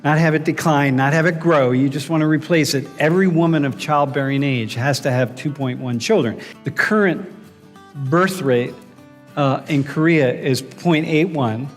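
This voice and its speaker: A man lecturing as a professor, quizzing students directly and often restarting his sentences. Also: a little high. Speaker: university professor. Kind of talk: classroom lecture. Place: large lecture hall. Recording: reverberant lecture hall with background music.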